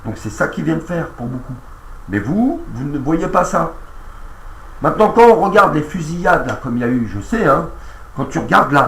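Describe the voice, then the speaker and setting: A man's voice: a little high, a bit bright, a little hiss or hum. A man in a casual monologue, earnest and repetitive, speaking directly to the president while reacting to a radio clip. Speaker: online commentator. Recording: roomy echo.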